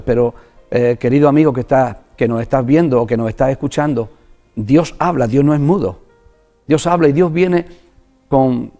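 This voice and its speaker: Earnest Spanish pastor with a mellow voice. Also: male voice, medium pitch. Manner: earnest, halting, repeats words when moved. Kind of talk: personal testimony in a religious TV interview.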